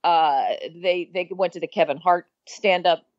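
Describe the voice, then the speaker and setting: A woman's voice: on the low side, a little slow, no room sound, lo-fi sound. A woman guest on a podcast, chatting casually and laughing as she shares stories. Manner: lively, laughs often, chimes in. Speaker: guest, radio co-host. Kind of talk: casual chat.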